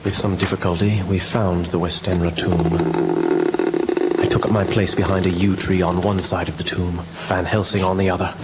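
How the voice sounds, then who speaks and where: A man plays a haunted doctor in a gothic radio play. His voice is low and earnest, recounting horror with measured, deliberate drama. The recording is clearly noisy. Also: flat delivery, close to an everyday voice. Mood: haunted, tense. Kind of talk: dramatic first-person radio drama narration.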